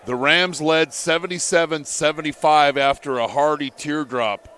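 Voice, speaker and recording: A man calling a live college basketball game play by play, in measured, steady calls. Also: a little high, slight background noise. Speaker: play-by-play commentator.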